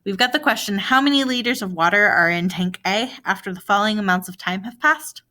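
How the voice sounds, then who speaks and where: In a recorded video lesson, a math teacher works through a word problem, asking questions aloud and answering them herself with patient steadiness. Her voice is bright and clear, mid-range for a woman, and a little fast.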